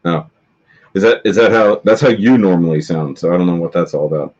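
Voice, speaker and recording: A man's voice: low voice, brisk, a little mellow. A man hosting a live stream in casual chat, his voice coming through distorted and tinny while he rambles through tech trouble. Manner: rambling, self-correcting about tech trouble. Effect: distorted tinny audio. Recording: dull lo-fi stream audio.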